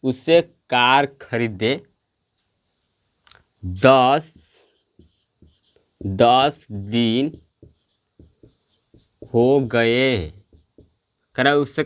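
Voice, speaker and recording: A man teaching English grammar to a class, repeating questions and answering them himself. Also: medium pitch. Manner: slow, drawn-out delivery.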